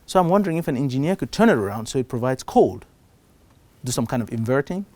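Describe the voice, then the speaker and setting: Middle-aged man giving an animated conference talk. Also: mid-range voice, fast talker, no room sound. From Cameroon. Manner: animated, shifts loudness for emphasis. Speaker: conference speaker. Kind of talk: live talk on investing. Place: conference stage before an audience.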